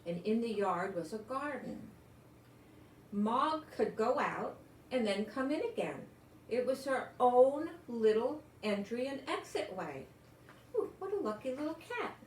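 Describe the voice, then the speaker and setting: An older woman reads a children's picture book aloud, lingering on words and adding chatty asides as though to small children. Her voice is on the high side, very animated and a little slow, in a roomy home recording with faint noise.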